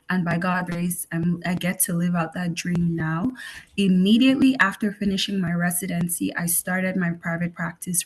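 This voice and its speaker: Woman physician presenting a health class. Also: lowish voice. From Cameroon. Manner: warm, measured and explanatory, with frequent ums and restarts. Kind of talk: presenting an online health session.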